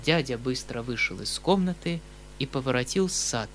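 A man reading a classic novel aloud in measured, expressive narration. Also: medium pitch, slight background noise. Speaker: audiobook reader. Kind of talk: literary audiobook narration.

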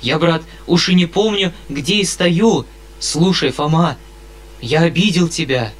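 A man's voice: on the high side, measured pace, voice pushed up. A male reader voicing a kind-hearted colonel speaking with fervent, overwrought emotion. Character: emotional, good-hearted middle-aged colonel.

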